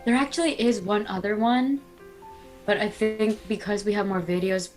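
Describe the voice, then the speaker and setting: A woman's voice: medium pitch, steady tone, normal speed, darkish tone, soft background music. A woman chatting as a podcast guest in an upbeat way, laughing easily, over a video call. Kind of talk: casual podcast chat.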